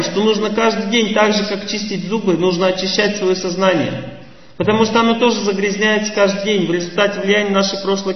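A man giving a measured spiritual lecture, teaching patiently and putting rhetorical questions to his listeners. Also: sits high, far from the mic. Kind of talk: religious lecture. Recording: echoey hall, voice from afar, muffled.

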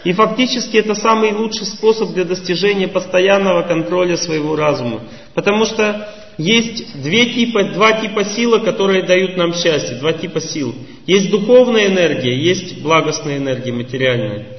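Man, high voice, spiritual lecturer; measured and teacherly; heard from a distance in a reverberant hall. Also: lively intonation. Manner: measured, teacherly, rhetorical questions to the audience. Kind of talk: religious lecture. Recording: echoey hall, voice from afar, muffled.

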